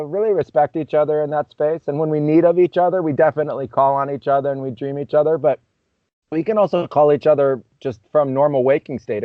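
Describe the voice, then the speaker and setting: A man's voice: a little high, no room sound. A man as a podcast guest, telling a story in a reflective, loose way full of "you know" fillers. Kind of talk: conversational storytelling. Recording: slightly muffled, dull audio.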